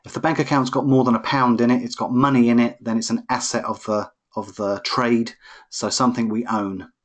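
A man's voice: medium pitch, little pitch movement, brisk. A man tutoring accounting in a live online lesson, explaining each step patiently over a computer microphone. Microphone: computer microphone on a webinar.

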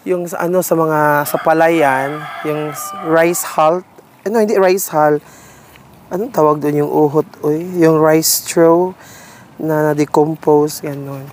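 A man's voice: a little high, steady tone, measured pace, a little hiss or hum. A man gives a casual, rambling tour of his home garden and keeps calling his viewers darling. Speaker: gardening vlogger. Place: home garden, partly outdoors.

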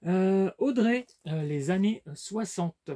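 A man's voice: high-pitched, animated, takes it slowly, warm tone. A man casually showing his book collection in a vlog, talking with lots of fillers and restarts. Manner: hesitant, many fillers and restarts. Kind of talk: casual unboxing vlog chat.

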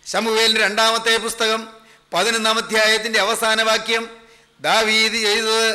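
A man's voice: sits high, sharp tone. A man preaching a sermon, driving his points home with emphatic, repeated phrases.

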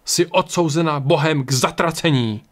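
A man's voice: medium pitch, close to an everyday voice. A man doing a fanatical preaching priest. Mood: condemning. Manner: loud, preaching, condemning. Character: zealous fanatical male medieval priest.

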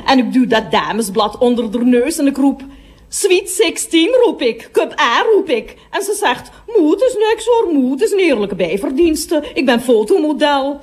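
A woman's voice: high voice, lively intonation, normal speed, darkish tone. An actress playing a gossipy middle-aged woman toilet attendant in a radio comedy monologue, chattering on and breaking off to speak to customers.

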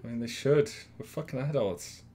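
A man's voice: mid-range voice, moderate pace, mellow. A man running a livestreamed tabletop game, blunt, sweary and laid-back in casual chat.

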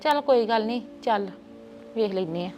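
A woman's voice: a little high, expressive, moderate pace, dark tone, lo-fi sound, soft background music. A woman playing an aunt in a family drama, soothing at first and turning indignant. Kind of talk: Punjabi family drama dialogue.

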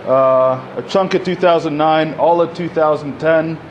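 A man's voice: fairly high pitch, a little slow, highs cut off, a little hiss or hum. A man in his thirties, originally from Egypt, speaks at a podium in a community center hall, talking conversationally with lots of fillers and restarts. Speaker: panel speaker. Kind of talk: public talk at a podium. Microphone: podium microphone.

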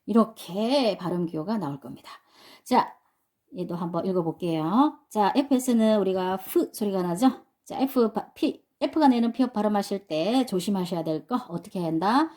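A woman's voice: mid-range voice, normal speed, darkish tone. A woman teaching English pronunciation to adult learners, explaining step by step and often asking the class questions. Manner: patient, repeats and asks the class questions.

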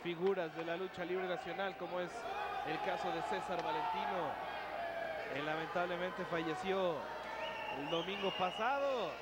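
High-pitched Mexican male wrestling commentator. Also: normal speed, over a noisy crowd. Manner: excited play-by-play calling in short bursts. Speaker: wrestling commentator, lead play-by-play announcer. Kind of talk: live lucha libre wrestling commentary. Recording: noisy arena broadcast, loud background din.

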